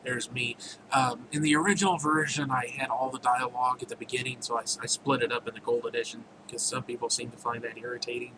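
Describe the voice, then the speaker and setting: Guy showing off his own game, rambly and jokey, mid-pitched voice, noisy hiss behind. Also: little pitch movement, fast talker. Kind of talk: casual gameplay commentary.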